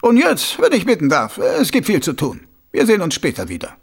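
A sly, plotting city lord, as a male reader puts him on, lifted well above the reader's own voice and louder, his words stretched out and oily. The voice keeps a gravelly, husky edge and bounces across a wide range, with an audiobook feel. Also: sits high, wildly swooping pitch, a little fast, voice pushed up, full character voice. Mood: scheming.

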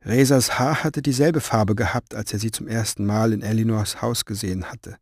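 In a clean, echo-free studio recording, a male audiobook narrator reads a fantasy novel in a lowish voice, keeping his storytelling measured and even.

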